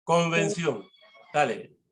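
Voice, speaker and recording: A man's voice: on the high side, animated, slow. A man moderating a spelling contest, reading out single words for contestants.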